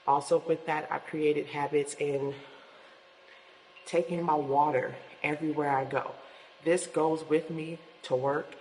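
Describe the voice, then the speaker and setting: An echoing gym surrounds this woman's voice, with long reverb and a faint layer of noise. She speaks as a fitness vlogger, casual and encouraging, addressing her viewers directly. Her pitch sits fairly low for a woman. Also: a little mellow. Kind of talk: casual motivational vlog talk to viewers. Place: indoors in an apartment building gym.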